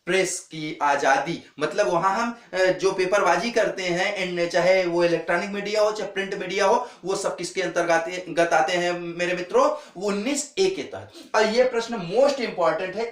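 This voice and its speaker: A male teacher with a high, slightly bright voice delivers an earnest exam-prep lecture, repeating key points and repeatedly calling his viewers friends. The audio is echoey, like a recording made in a bare room.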